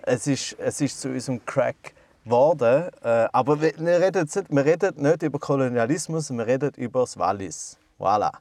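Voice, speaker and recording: A man's voice: mid-range voice, lively intonation, a little fast, a little mellow, dry recording. A man with a Swiss German accent co-hosting a podcast, talking in playful, rambling banter full of hesitations and fillers. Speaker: podcast co-host. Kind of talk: casual banter.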